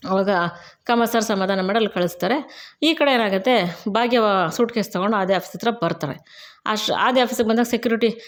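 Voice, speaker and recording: Fast-talking woman recapping a TV serial. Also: a little high. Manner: chatty, retells scenes with quoted dialogue, asks viewers to subscribe. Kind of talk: casual storytelling recap.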